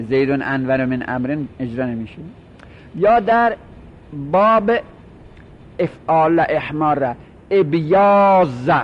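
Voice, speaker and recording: A man teaching a grammar lesson, patiently repeating and drilling example words as he explains each rule step by step. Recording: dull lo-fi recording with faint rumble.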